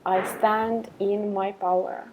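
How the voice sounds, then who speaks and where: In a rough recording with slight background noise, a woman leads a guided meditation with affirmations. Her mid-range voice stays calm, gentle and measured, broken by long pauses.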